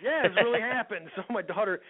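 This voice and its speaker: A man's voice: high-pitched, fast, husky. A middle-aged man telling rambling stories as a guest in a casual radio chat, with many restarts. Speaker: guest author. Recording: phone-like radio line.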